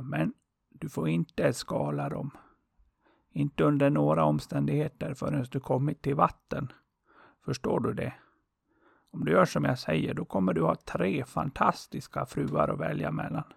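A man voicing a wise old male merchant in a fairy tale, giving a prince patient, earnest instructions in a husky, gravelly voice. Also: on the high side, no echo, studio quality, exaggerated voice. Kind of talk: storybook role-play.

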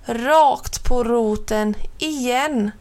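A woman reading a children's storybook aloud with calm, lively pacing and playful pauses. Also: on the high side. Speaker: narrator.

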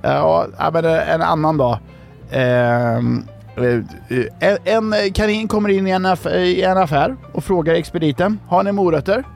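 A man's voice: fairly high pitch, creaky, soft background music. A man hosts a children's bedtime show. He rambles playfully, tells jokes and corrects himself. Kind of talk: playful storytelling and joke-telling.

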